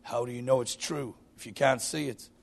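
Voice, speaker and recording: A man voicing a wise little toy creature in a slow, calm, knowing way. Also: vocal fry, husky. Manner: slow, low, wise-sounding delivery.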